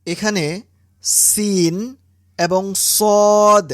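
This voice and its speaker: A woman teaching Quran reading, pronouncing letter sounds slowly and deliberately, one syllable at a time. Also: medium pitch, fairly even intonation, dry recording, studio quality. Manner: slow, deliberate, drawn-out syllables. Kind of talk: slow instructional recitation lesson.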